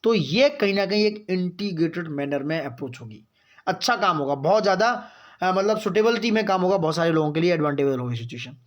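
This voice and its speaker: A man giving a current-affairs lesson for exam students, reading out points slowly and then explaining them in chatty asides, often checking that his students follow. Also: high-pitched, lively intonation. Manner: mixes in English phrases, reads slowly, explains in chatty asides; keeps asking "got it, friends?". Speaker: exam-prep teacher.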